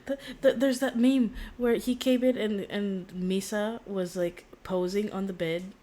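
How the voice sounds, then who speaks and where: A woman game streamer chats casually on a live stream, rambling, slangy and blunt, often repeating her words. Her medium-pitched voice is mellow and steady at a measured pace, with game audio and faint background noise.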